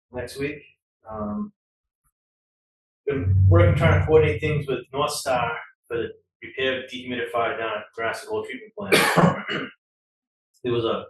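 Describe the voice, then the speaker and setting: A man from the water department giving a plain-spoken, practical update at a public meeting. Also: mid-range voice. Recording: echoey meeting room, mic far off.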